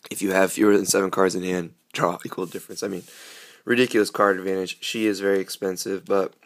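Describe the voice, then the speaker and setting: Low gravelly man with a cold. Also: level tone, fast. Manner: rambling, filler-heavy. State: has a cold, voice grating. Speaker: card game vlogger. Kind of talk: casual unboxing chat.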